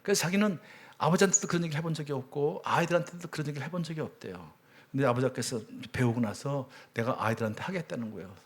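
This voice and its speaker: Middle-aged male church elder, sermon storyteller, a touch high-pitched. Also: rapid-fire. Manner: storytelling with dramatic swings between loud and hushed. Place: church sanctuary.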